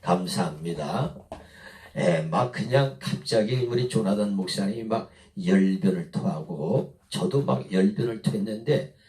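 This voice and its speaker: A man with a Chungcheong Korean accent giving a folksy, impassioned speech that swings between a slow dialect drawl and fiery oratory. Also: fairly low pitch, lively intonation, a little mellow. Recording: echoey, mic from far off.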